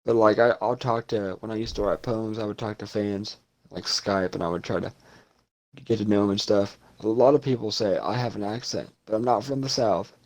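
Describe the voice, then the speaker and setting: A young Ohio man, a podcast co-host with a lowish voice, talks briskly in a casual chat. He rambles and swears freely.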